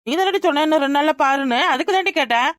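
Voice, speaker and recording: A woman's voice: high-pitched, lively intonation, racing, a bit bright, no room sound, clean studio sound. A woman voicing a blunt, sarcastic village woman who scolds in a cartoon. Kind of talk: cartoon voice acting.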